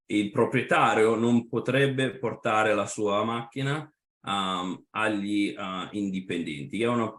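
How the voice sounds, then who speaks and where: Slow, hesitant man in an echoey room. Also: fairly low pitch. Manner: halting, many fillers and restarts, slips into English. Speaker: trade association representative. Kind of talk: webinar presentation. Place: online webinar.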